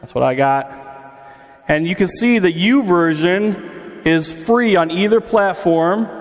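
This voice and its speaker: A man's voice: sits high, expressive, takes it slowly. Pastor in his forties, big hall echo. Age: 40s. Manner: conversational, quizzing the congregation. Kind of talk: sermon. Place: church hall. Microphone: PA microphone. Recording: reverberant hall.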